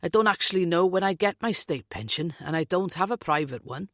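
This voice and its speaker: A woman's voice: fairly low pitch, expressive, fairly quick, fairly bright tone, no room sound. A woman voicing a blunt, jokey middle-aged Welsh man who grumbles, in a dry close recording. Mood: grumbling.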